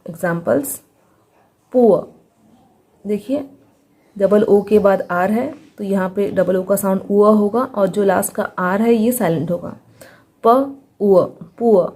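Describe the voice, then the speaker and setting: A woman with an Indian accent teaching English reading, spelling out letters slowly and blending them into words. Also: mid-range voice, warm tone, slightly rough. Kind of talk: phonics lesson.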